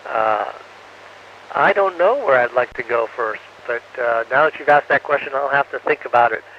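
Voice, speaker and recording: A man's voice: medium pitch, slight background noise. Man on a muffled, breaking-up space radio link. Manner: halting, with frequent "uh" fillers. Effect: radio downlink from space, muffled and breaking up. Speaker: astronaut answering students. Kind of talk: radio Q&A, ending each answer with "over". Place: on board the space station.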